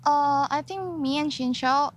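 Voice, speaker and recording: Female esports player in backstage interview. Slightly high voice, unhurried, hesitant short answers. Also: little pitch movement, slight background noise.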